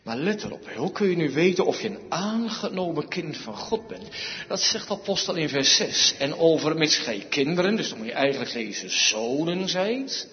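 A man's voice: high-pitched, big-room sound, muffled recording. A male pastor preaching a sermon, emphatic, repeating key words and asking rhetorical questions.

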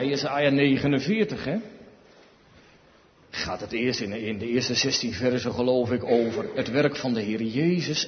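A man preaching a sermon who swings between hushed, slow passages and loud, pleading cries. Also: mid-range voice. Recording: dull sound with long hall reverb.

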